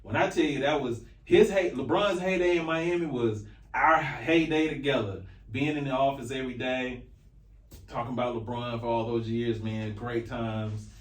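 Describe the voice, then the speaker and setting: Speaking at a normal speed in a mid-range voice, this American-accented co-host from North Carolina, a man in his forties, chats about sports in a relaxed but forceful, opinionated way. The sound carries a roomy echo from a far-off mic.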